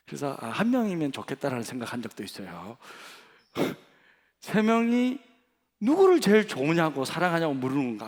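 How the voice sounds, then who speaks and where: Animated middle-aged male pastor preaching. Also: mid-range voice. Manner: animated storytelling, acting out dialogue. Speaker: senior pastor. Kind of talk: sermon. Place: large church sanctuary. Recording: long church hall reverb.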